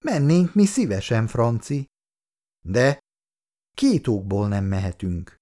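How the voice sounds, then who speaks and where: A man's voice: mid-range voice, sing-song, dark tone, natural voice. A man voicing a mild, conciliatory middle-aged father in a read-aloud story, talking in a placating, lightly joking way.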